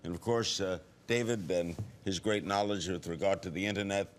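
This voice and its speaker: A man hosting a political panel show, moderating the talk briskly. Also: low voice, fairly even intonation. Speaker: host.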